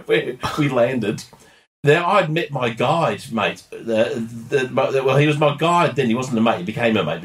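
A middle-aged man spins a long anecdote for his podcast co-host. He talks in a casual, animated way, laughs often and trips over his own restarts. His pitch is plain, in the middle of the range.

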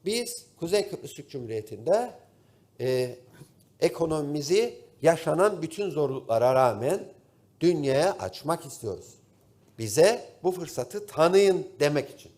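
A man with a Turkish Cypriot accent giving a formal speech to parliament from the rostrum microphone, pausing often with drawn-out fillers. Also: on the high side, big pitch swings, darkish tone. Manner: formal, addresses colleagues, pauses with drawn-out fillers. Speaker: member of parliament. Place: parliament chamber. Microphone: podium microphone at the parliament rostrum.

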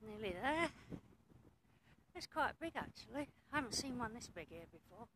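A woman's voice: fairly high pitch, sing-song, normal speed. A woman chatting casually to her phone camera while walking around a harbour quayside, exclaiming and mildly swearing. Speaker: vlogger. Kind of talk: casual handheld narration. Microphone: phone camera held in hand. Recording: outdoor noise on phone mic.

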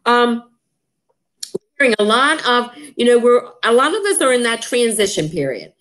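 Her voice is on the high side, expressive and fairly bright, at a moderate pace. As the association president leading an informal talk on coming member events, she sounds eager, circling back over points with lots of fillers and false starts.

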